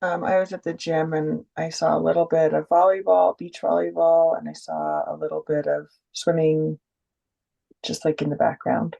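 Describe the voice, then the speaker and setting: A woman in a group call speaks offhand and casually. Her voice is flat and heavily gravelly, with a mellow, dark tone. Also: sits low, normal speed, rough recording. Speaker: group participant.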